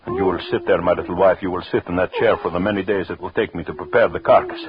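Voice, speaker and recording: An actor playing a vengeful, obsessive husband in a 1940s radio horror drama, brooding and gloating with menace. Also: male voice, deep voice, quick pace, natural voice. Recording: muffled, noisy 1940s radio recording.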